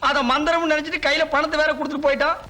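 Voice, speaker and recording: A man playing a cowardly, greedy fake holy man in a film comedy, talking in a shrill, whining way. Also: level tone, very fast, background noise. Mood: panicky. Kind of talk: Tamil film comedy acting. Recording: film soundtrack with faint music.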